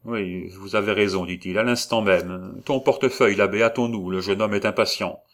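A man's voice: fairly low pitch, steady tone, normal speed, a bit bright, close to an everyday voice. A man voicing a stern, commanding royal regent in an audiobook reading. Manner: stern, authoritative.

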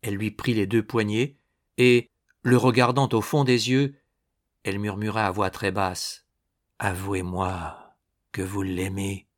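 A man narrating a classic novel aloud in a measured, deliberate reading. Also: fairly low pitch, steady tone.

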